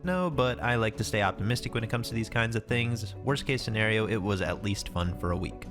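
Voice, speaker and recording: Lowish guy voice doing a chill game preview video, wry and sweary, music going behind him. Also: a little fast. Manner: informal, wry, swears casually. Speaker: YouTube game preview host. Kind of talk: casual scripted video commentary.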